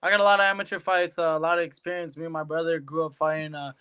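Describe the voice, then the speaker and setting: A young adult American man from Hawaii, a professional boxer appearing as a guest, gives casual interview answers in colloquial, laid-back phrasing. His voice is a little high, bright, forceful, and clean, with little pitch movement and a rapid-fire delivery.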